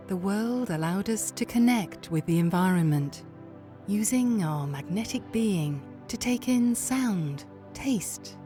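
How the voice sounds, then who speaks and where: A woman's voice: medium pitch, warm tone. An actress playing a serene spokeswoman, reading scripted promotional narration for a research facility. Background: music.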